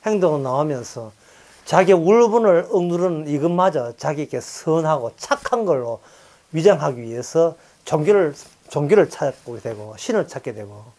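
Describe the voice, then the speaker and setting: A male pastor with a Gyeongsang Korean accent giving an animated Bible lecture, acting out quoted voices and chuckling. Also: fairly high pitch.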